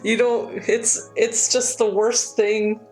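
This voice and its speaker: A woman's voice: on the high side, little pitch movement, slow, over loud music. A young woman artist chatting casually as she walks friends through her painting process, laughing often and swearing now and then. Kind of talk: casual chat while painting.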